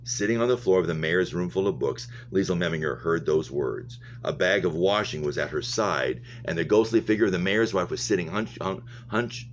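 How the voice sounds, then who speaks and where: A man with a deep voice reads a novel aloud at a normal speed, barely pausing, though he sometimes stumbles over words and goes back over phrases. He is a reader and English teacher. The audio is muffled and lo-fi, with a hum underneath.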